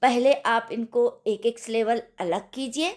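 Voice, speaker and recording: A woman's voice: on the high side, unhurried. A woman teaching Quran recitation in an online lesson, patiently repeating each syllable for practice. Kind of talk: slow online tajweed lesson.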